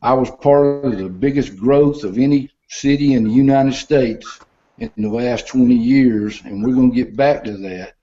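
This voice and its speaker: A man's voice: medium pitch, warm tone, highs cut off. An older man, a mayoral candidate on a video call, answering a forum question with plainspoken, repeated pledges.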